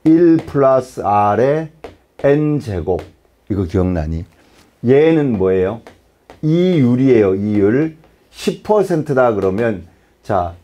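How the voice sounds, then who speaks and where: A man's voice: mid-range voice, warm tone. A man teaching a math lesson in a casual, chatty way, often checking with the class. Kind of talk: lecture.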